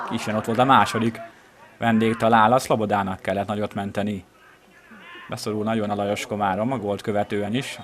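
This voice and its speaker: Male football commentator, lowish voice, measured play-by-play that lifts at chances, recorded outdoors at the ground. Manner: measured, rising excitedly at chances. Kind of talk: live match commentary of amateur regional football.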